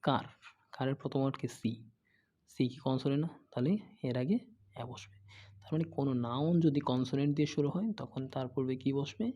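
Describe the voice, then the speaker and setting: A man teaches English grammar in a fast, medium-pitched voice with a dark tone, and the sound is lo-fi. He explains patiently, repeats examples, poses questions and answers them himself, and keeps checking "okay?"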